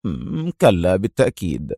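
A man voicing a calm, ironic male secret agent who speaks in a low, wryly teasing tone. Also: moderate pace, dry recording, clean studio sound.

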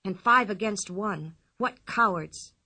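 A woman's voice: medium pitch, slow, bright, forceful tone, heavily acted. A woman voicing a sensible young boy in a storybook reading, earnest and matter-of-fact. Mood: indignant.

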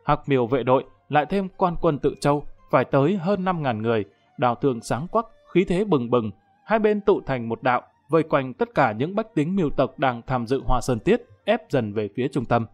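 A man's voice: medium pitch, lively intonation, moderate pace. Male audiobook narrator over faint music. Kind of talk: scripted dramatic story narration.

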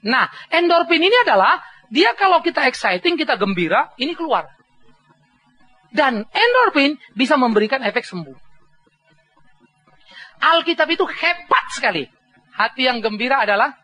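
A middle-aged man preaching a sermon as a pastor, telling animated stories with humor and acting out voices. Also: high voice, slightly rough. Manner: mixes English words into speech.

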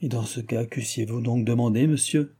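A man's voice: mid-range voice, steady tone, normal speed, dark tone, slightly rough, natural voice. A man voicing an aging, evasive king in an audiobook, exclaiming in exasperation. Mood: exasperated. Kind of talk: audiobook reading.

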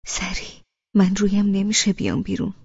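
A woman's voice: medium pitch, steady tone, creaky, darkish tone, breathy edge, no echo, muffled recording. A woman voicing a shy, frightened young bride who speaks in a trembling, whispery voice. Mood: nervous.

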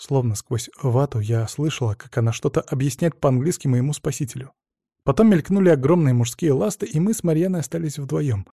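A man reading a suspense novel aloud in a slow, tense way. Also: fairly high pitch, gravelly, dark tone, husky, no room sound, clean studio sound. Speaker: audiobook reader. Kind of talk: scripted narration.

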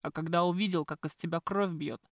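A woman reading an audiobook, voicing a coarse, possessive male gang boss who talks in rough slang. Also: on the low side, steady tone, a little fast, no room sound, studio quality, voice pushed down, natural voice.

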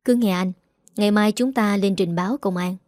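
A woman's voice: medium pitch, moderate pace, a little mellow, no room sound, studio quality, lightly acted. A woman voicing a firm, protective young man who talks persuasively. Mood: firm urging.

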